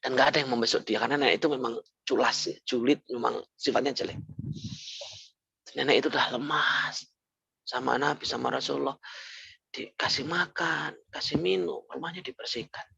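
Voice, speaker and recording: Male speaker, raspy gravelly voice, storytelling sermon, lo-fi sound. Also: medium pitch, steady tone, normal speed, dry recording. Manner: storytelling, acts out quoted pleas in hushed tearful voice. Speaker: motivational speaker. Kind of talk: religious motivational talk.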